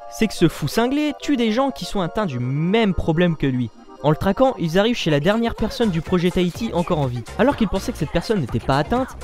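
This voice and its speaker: A man narrating a comic series recap in a jokey, slangy, animated way. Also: fairly high pitch. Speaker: comedy recap host.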